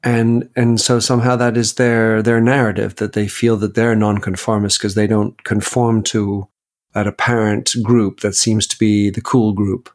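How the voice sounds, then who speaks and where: Low gravelly man in his fifties. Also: level tone, moderate pace. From Belgium. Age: 50s. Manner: reflective, storytelling, with restarts. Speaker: guest, author. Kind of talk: interview conversation.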